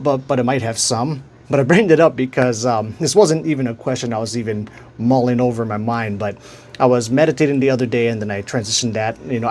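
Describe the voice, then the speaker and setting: A man's voice: mid-range voice, darkish tone, slight background noise. A man with a Hawaiian accent hosting his own channel, chatting casually to camera and often searching for words. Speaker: channel host. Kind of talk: casual vlog talk.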